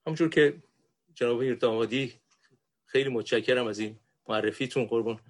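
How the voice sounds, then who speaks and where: A man in his sixties, a guest lecturer, opening his talk with courteous, formal thanks to his hosts. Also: medium pitch.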